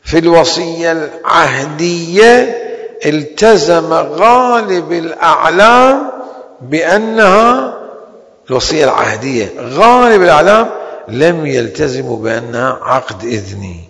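A man teaching a seminary law lecture. He stretches out key terms slowly and then rushes through quick asides. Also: on the high side, expressive, fairly bright tone. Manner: slow, drawn-out stresses on key terms with sudden quick asides. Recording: long hall reverb.

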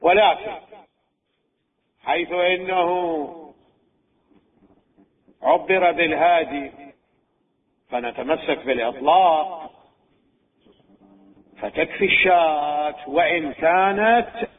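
Slow-spoken man lecturing over a tinny line. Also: a little high. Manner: measured, deliberate, asks and answers his own questions. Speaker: religious law teacher. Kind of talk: scholarly lecture. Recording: tinny phone-like recording.

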